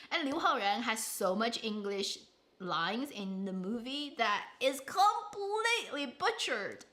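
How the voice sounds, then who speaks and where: A woman with a mid-range, fairly bright voice hosts a casual solo drama review chat. She gives blunt opinions and rambles, restarting often and drifting into trailing asides.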